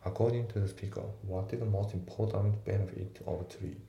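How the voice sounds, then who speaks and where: A man teaching English grammar and pronunciation in a calm, methodical way, reading example sentences slowly. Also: lowish voice, vocal fry, muffled recording. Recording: echoey room with faint background noise.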